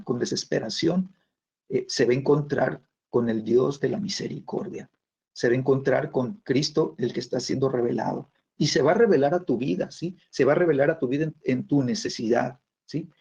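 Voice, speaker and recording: A man preaching a sermon in a halting way, full of fillers and tag questions. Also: medium pitch, creaky, darkish tone, breathy edge. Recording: dull lo-fi sound.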